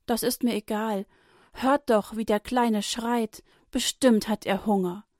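A woman's voice: on the high side, fairly even intonation, measured pace, no echo, clean studio sound, lightly acted. A woman voicing a young princess who is kind but used to giving orders, in a children's Bible story. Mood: decisive. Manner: warm, decisive, imperious.

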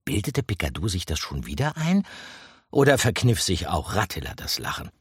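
A man narrating a children's audiobook with expressive storytelling. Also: low voice, normal speed, slightly rough, dry recording, studio quality. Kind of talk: scripted narration.

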